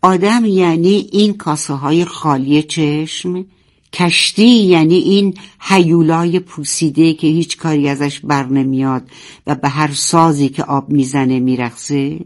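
A storyteller voicing a young male narwhal, curious and fearful, in a higher, plaintive tone. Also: steady tone, natural voice. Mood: wondering.

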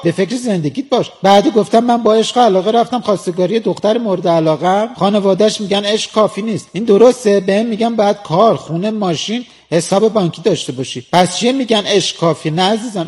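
A man's voice: high-pitched, a little mellow. A man hosting a radio comedy sketch as a mock advice doctor, answering letters with sarcasm. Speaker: comic host playing a love advice doctor.

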